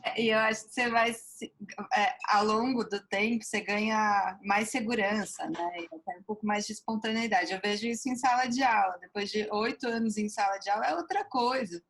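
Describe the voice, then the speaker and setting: A Brazilian woman hosts an interview in a breathy voice. She talks in a thoughtful way and agrees with her guest. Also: medium pitch, a little fast, fairly bright tone, low-quality recording. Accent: Brazilian Portuguese. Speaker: host. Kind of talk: casual interview chat.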